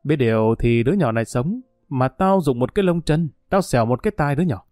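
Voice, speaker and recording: A man's voice: medium pitch, animated, brisk, darkish tone, no echo, clean studio sound, soft background music, lightly acted. A man voicing a ruthless, sneering male thug. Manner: sneering, threatening. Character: ruthless male thug holding a child hostage.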